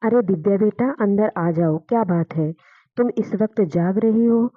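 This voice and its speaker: A woman's voice: medium pitch, normal speed, dry recording, phone-quality sound, natural voice. A woman voicing a kind, widowed elderly father-in-law who speaks affectionately and reassuringly to his daughter-in-law in a storybook reading.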